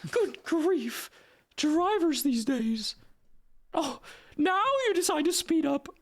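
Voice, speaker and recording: A voice actor putting on a foul-mouthed cartoon mouse with road rage, in a squeaky falsetto, ranting with exasperated sarcasm and drawn-out words. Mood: furious ranting. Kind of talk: cartoon character parody.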